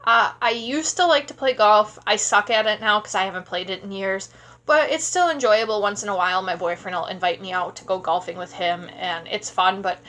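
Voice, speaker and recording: This sleepy Wisconsin vlogger, in her thirties, talks a little fast with a medium pitch and a sharp tone. Sitting in a small room at home close to her tablet camera, she rambles casually and chattily through a Q&A, dropping lots of fillers.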